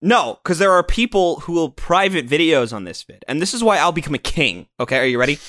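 A young man with a bright, forceful voice and lively, swinging intonation co-hosts a podcast. His talk is casual, slangy and jokey, and the sound is dry and close. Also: fairly high pitch, fairly quick, no echo. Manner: slangy, joking, crude. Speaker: podcast co-host. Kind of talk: casual chat.

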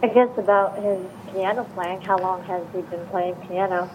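A woman phones into a radio show and chats politely, pausing and hesitating now and then. Her pitch sits in a middle range. A faint noise runs under her voice. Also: fairly even intonation, darkish tone, rough recording. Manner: hesitant, polite, uses uh fillers. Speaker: caller. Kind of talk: phone-in chat.

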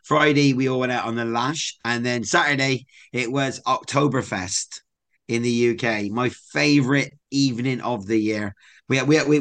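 Chatty upbeat English podcast host. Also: male voice, medium pitch. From England. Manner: chatty storyteller, lively and upbeat. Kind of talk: casual chat.

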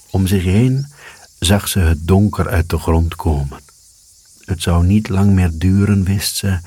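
A man reading a children's story aloud as scripted narration, calm and even. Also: sits low, husky.

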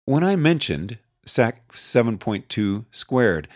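A man narrating an essay as an audiobook reader, measured and dry with wry asides. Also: mid-range voice, very animated, no room sound.

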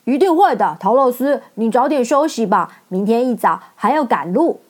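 A woman voicing a clever, calm male scarecrow who speaks briskly and eagerly in a storybook reading. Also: a little high.

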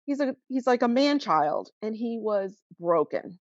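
A woman in her forties, a mother telling her son's story as an interview guest, earnest and halting with frequent restarts. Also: on the high side, sing-song, dry recording, dull audio. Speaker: guest, mother of a teen who vaped. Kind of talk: emotional personal account in interview.

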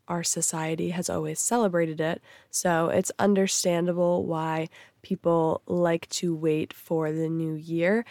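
A woman's voice: on the low side, gravelly, a little mellow, no room sound, studio quality. A young woman hosting a casual solo podcast, tired and a little stuffy from a cold, chatty and full of fillers. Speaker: podcast host.

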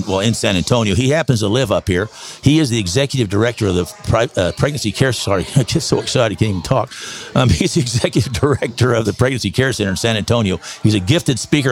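Excitable older Texan podcast host. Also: male voice, lowish voice, gravelly. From Texas. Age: 60s. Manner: excitable, rambling, folksy. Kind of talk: casual promotional podcast talk.

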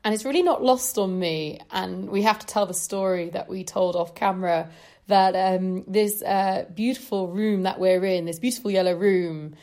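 A woman's voice: mid-range voice, normal speed, darkish tone. A woman hosting a podcast, introducing guests in a chatty, upbeat way with fillers. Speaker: podcast host. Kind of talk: casual podcast interview.

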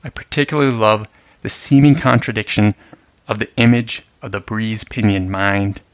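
Low-voiced man reading and discussing poetry. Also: steady tone, no echo. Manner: measured, careful reading. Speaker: host. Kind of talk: poetry reading and literary commentary.

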